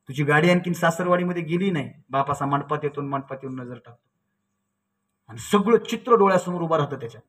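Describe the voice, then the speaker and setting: A man lectures a crowd, his voice sitting a little high. He tells stories with swings between quiet lines and sudden loud, dramatic outbursts. He is caught from a distance on a hall mic. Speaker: public speaker. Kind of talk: emotional public lecture.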